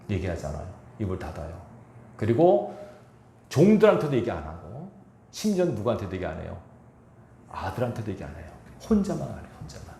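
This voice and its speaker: A male pastor preaching a sermon, animated, acting out quoted speech and asking the congregation questions. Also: fairly low pitch, creaky, reverberant. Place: church sanctuary.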